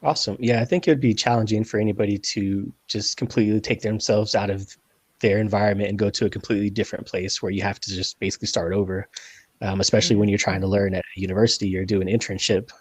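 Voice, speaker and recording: A podcast host conducts a casual interview, asking long, rambling questions in a friendly way. His voice is fairly low, husky and steady, he talks fast, and there is no room sound.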